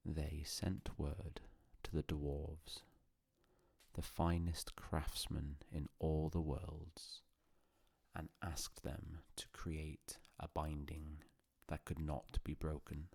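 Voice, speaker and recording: A man narrating a calm bedtime story in a hushed, solemn, unhurried way with long pauses. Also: very deep voice, creaky, slightly rough, dry recording.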